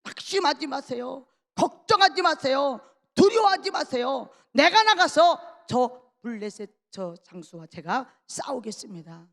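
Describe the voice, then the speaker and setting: A woman's voice: high-pitched, lively intonation, a little slow, hardly any pauses, fairly bright tone, full character voice. A woman playing a defiant young shepherd boy. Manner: defiant, firm. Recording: long reverb of a large hall.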